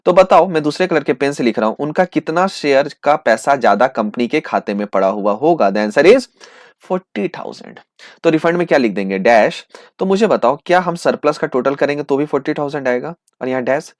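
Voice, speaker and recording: A man teaching an accountancy exam revision lesson, asking questions and answering them himself in a student's voice, drawing out each answer with slow emphasis. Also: on the high side, expressive, no room sound, clean studio sound. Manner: plays both teacher and student in a back-and-forth.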